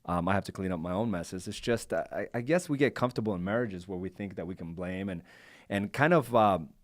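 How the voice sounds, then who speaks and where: A man's voice: low-pitched, fairly quick, dry recording. A man co-hosting a podcast in a casual chat, thinking aloud and questioning his own reactions, recorded in a studio. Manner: reflective, self-questioning. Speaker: podcast co-host.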